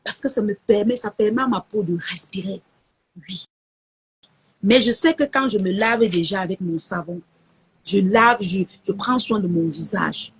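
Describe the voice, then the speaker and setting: A woman's voice: mid-range voice, moderate pace, breathy edge. A woman chatting casually on a live stream, answering viewer messages and quoting prices.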